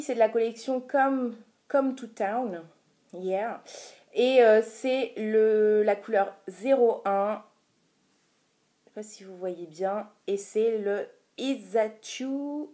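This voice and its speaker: A woman with a soft, mellow tone talks her way through a casual beauty haul. She is chatty and hesitant, pausing often on filler sounds as she goes. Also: a little high. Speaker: beauty vlogger. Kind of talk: casual product haul vlog.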